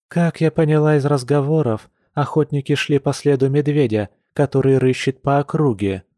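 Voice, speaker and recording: A man's voice: medium pitch, normal speed, warm tone, no room sound, studio quality, close to an everyday voice. A man voicing an ironic, sceptical young woman in an audiobook, lightly raised from his own voice. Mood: hesitant, tense. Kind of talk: audiobook character voice.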